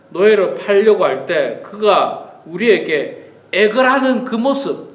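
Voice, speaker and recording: A man's voice: a little high, roomy sound. A male pastor giving an earnest, emphatic morning prayer sermon, repeating key phrases. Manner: earnest, repetitive, emphatic preaching.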